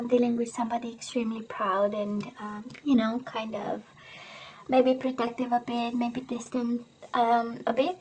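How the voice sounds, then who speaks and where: A woman doing a casual tarot love reading, hoarse as she loses her voice, often clearing her throat and tagging her sentences with "right?". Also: fairly high pitch, a bit bright, low-quality recording. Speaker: tarot reader.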